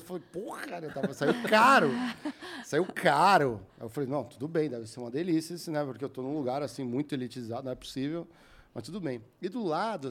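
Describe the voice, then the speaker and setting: A young Brazilian man hosting a podcast, telling a long everyday story casually and acting out the other people's lines as he goes. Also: fairly high pitch. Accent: Brazilian Portuguese. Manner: animated, acts out quoted voices. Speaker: podcast host.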